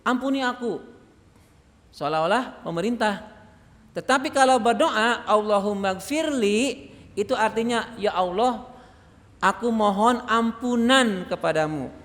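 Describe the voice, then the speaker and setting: A man's voice: sits high, fairly bright tone. A man giving a mosque study lecture, explaining patiently and answering his own rhetorical questions, with an occasional cough. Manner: coughs now and then. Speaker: religious teacher. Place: mosque hall. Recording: long hall reverb.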